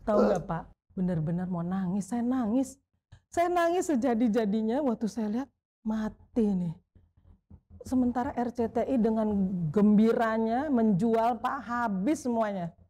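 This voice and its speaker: A middle-aged woman, a veteran sports broadcaster telling stories in a casual interview. She talks in an animated way, acts out the voices of people she quotes, and keeps adding a polite "Pak" for the man she is talking to. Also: fairly high pitch, a little slow.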